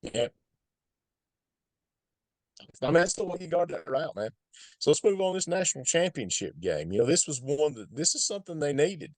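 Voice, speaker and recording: A man's voice: fairly high pitch, very animated, normal speed, long pauses, dry recording. A man with an Appalachian hillbilly accent giving casual, emphatic sports commentary as a football film analyst, folksy and repeating points for stress.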